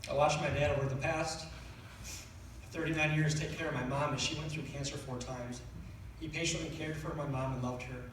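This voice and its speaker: A middle-aged man giving a personal funeral speech as a son, speaking in a tender, faltering way with halting phrases and repeats. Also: fairly high pitch, steady tone, fairly bright tone. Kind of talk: personal funeral speech, partly read from notes. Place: large reverberant indoor room. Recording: echoey room, distant mic, faint noise.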